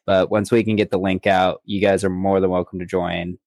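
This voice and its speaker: A podcast co-host chats casually in a conversational way. His voice is low-pitched and a little mellow, with a flat delivery at a fairly quick pace, recorded clean in a studio with no echo.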